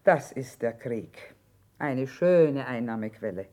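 A woman's voice: a bass voice, expressive, slow pace, warm tone, heavily acted. Mother Courage, hard-bitten wartime trader. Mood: bitter. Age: middle-aged. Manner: blunt, earthy, colloquial. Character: hard-bitten, shrewd, sharp-tongued mother trading in wartime. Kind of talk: German stage-style radio drama acting.

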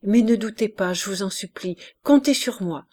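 A woman's voice: medium pitch, moderate pace, a little mellow, close to an everyday voice. A woman reading an audiobook voices a grave male doctor who earnestly reassures a worried mother. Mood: earnest reassurance.

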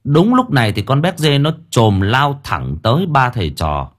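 Husky guy telling a funny story, voice goes all over, faint music. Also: mid-range voice, normal speed. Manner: lively, playful comic storytelling. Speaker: story narrator. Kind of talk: storytelling narration.

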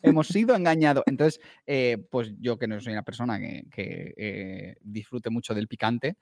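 Spanish man, casual podcast talker, animated and jokey, dry close sound. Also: medium pitch, normal speed, creaky, dry recording. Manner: animated storyteller, laughs often, swears casually. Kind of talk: casual chat.

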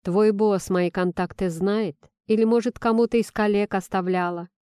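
A blunt, teasing young woman friend, read by a woman narrator in a warm, mellow tone, recorded dry and close. She talks sardonically and pointedly, pushing her friend with questions. She stays earnest and firm under the teasing. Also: medium pitch, fairly even intonation, normal speed, clear, resonant tone, no room sound, lightly acted. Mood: mocking.

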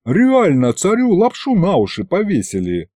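A man's voice: sits high, huge pitch swings, normal speed, mellow, no echo, studio quality, pitched above the performer's own voice, heavily acted. A man voicing a small horned male imp who talks cocky gangster slang in a raised voice.

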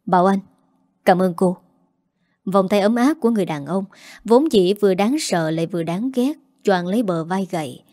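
Woman narrator, first-person story, steady reading, warm dark tone, dry close mic. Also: medium pitch, brisk, dry recording.

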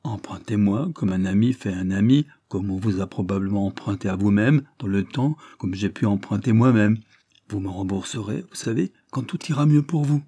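A man voicing a generous wealthy gentleman who kindly insists on helping a friend in an audiobook. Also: on the low side, moderate pace, slightly rough, no room sound. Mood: earnest.

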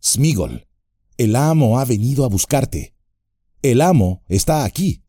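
A man's voice: mid-range voice, sing-song, measured pace, warm tone, slightly rough, no room sound, clean studio sound, voice pushed up. A man reading an audiobook and voicing an earnest young male hobbit who pleads urgently. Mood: pleading. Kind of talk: audiobook character voice.

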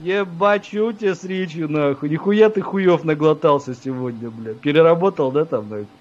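Male prank caller, jeering and crude, slightly high voice, muffled phone sound. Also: normal speed. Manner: taunting, crude, mocking, laughs at his own insults. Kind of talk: abusive prank phone call. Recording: dull lo-fi phone audio.

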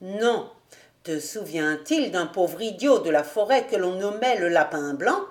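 A woman's voice: lowish voice, expressive, unhurried. A woman reading as a sorrowful old noblewoman. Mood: confiding. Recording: roomy echo.

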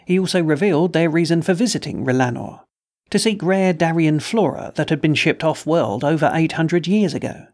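A man hosting a podcast, reading a short story and closing notes in a steady scripted narration. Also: fairly high pitch. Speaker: podcast host.

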